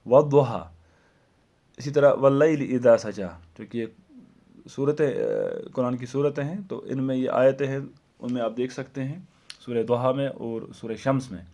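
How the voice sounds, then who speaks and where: Man, grammar teacher, slow and deliberate, repeats example words, mid pitch. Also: fairly even intonation, mellow. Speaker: Urdu teacher. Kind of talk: classroom grammar lesson.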